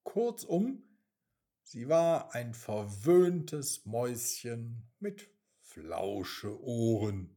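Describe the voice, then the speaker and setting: Slow, husky-voiced male storyteller. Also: mid-range voice, animated, warm tone. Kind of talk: bedtime story reading.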